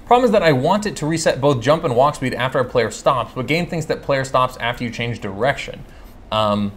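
A man from California hosting a casual live coding stream, chatting and thinking aloud, reading code out slowly with lots of fillers and self-corrections. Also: mid-range voice. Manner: reads code aloud slowly while typing. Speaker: livestream host answering coding questions.

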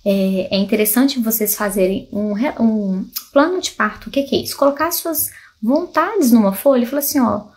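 Lively woman explaining with questions. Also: fairly high pitch, normal speed. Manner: lively and demonstrative, many rhetorical questions and everyday comparisons; fond of diminutives. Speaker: pelvic physiotherapist. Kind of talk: explanatory health talk to viewers. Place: indoors, seated.

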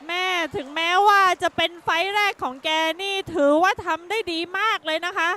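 Very high, bright woman, excited boxing commentary. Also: moderate pace.

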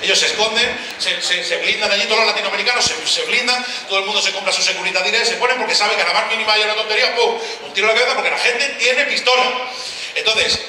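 A fast, high-voiced man does brash stand-up, teasing the audience and swearing as he goes. He is picked up from a distance, and his voice rings through a very echoey live space over steady crowd noise. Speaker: stand-up comedian. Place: outdoor town festival stage.

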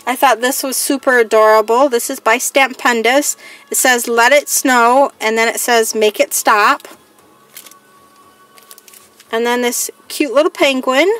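In a relaxed show-and-tell, a woman crafting vlogger reads each haul item aloud in a plain, listing manner. Her voice is slightly higher and fairly bright, and she keeps things chatty and unhurried.

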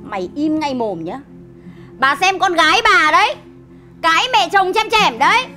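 A haughty, wealthy older mother-in-law in a web drama. Her high voice leaps about and turns shrill and contemptuous when she shouts. Music runs under the scene. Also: lively intonation, moderate pace, reverberant. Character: arrogant rich older mother-in-law, scornful.

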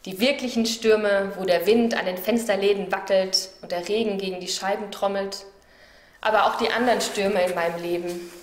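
A woman speaker from a church district giving a spoken devotional reflection in a calm, measured, reflective way. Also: mid-range voice. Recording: roomy echo.

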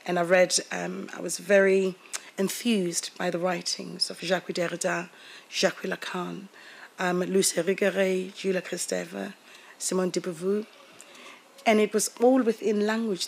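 Speaking into a desk mic in a seminar room, a South African woman gives an academic workshop talk, thoughtful but full of fillers and repeated words. Her voice is fairly low, gravelly and slightly rough, delivered flatly at a normal pace on a rough recording.

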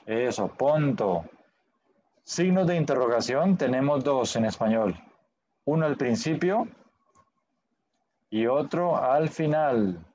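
A man's voice: mid-range voice, lively intonation, takes it slowly, pauses often, a little mellow. A man teaching a Spanish class online in a patient way, often checking in with short questions.

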